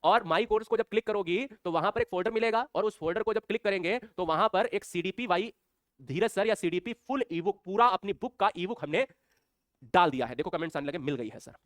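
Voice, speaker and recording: Man, live online class, rapid delivery, dry recording, teasing tone. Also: high voice, dry recording. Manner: lively, teasing, addresses viewers by name. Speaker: online teacher.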